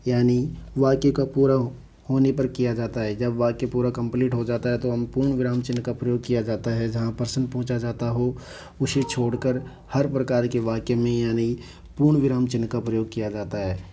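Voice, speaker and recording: A man teaching an online exam-prep grammar lesson, explaining slowly and repeating himself, often asking the class questions he then answers. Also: medium pitch, little pitch movement, warm tone.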